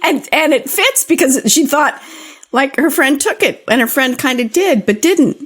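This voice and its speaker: Here the older woman's podcast voice is high and expressive, at a normal speed. She chats casually through personal stories, speaking directly to listeners.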